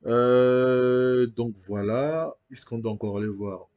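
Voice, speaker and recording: A man's voice: medium pitch, fairly even intonation, takes it slowly, a little mellow, highs cut off. A man hosting his gaming channel, chatting casually over a football management game and thinking aloud with frequent hesitations.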